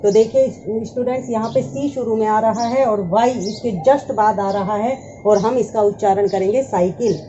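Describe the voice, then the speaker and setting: A woman's voice: on the high side, fairly even intonation, normal speed, few pauses, dark tone, muffled recording, slight background noise. A woman teaching English pronunciation, patiently addressing her students and repeating each word. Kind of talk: classroom lesson explaining pronunciation.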